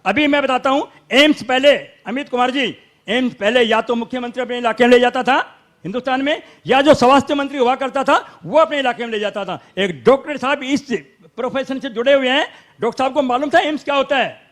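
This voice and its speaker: Speaking briskly in a very high, slightly bright voice, a Haryanvi-accented man backs the local side in a heated panel debate. He's argumentative and insistent, cutting in to defend his position.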